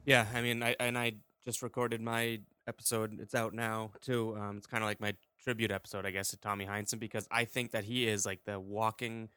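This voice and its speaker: A man's voice: fairly low pitch, bright, forceful tone, smooth, dry recording. A man talking casually as a guest on a sports podcast, often dropping in "like" as he goes. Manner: peppers speech with "like".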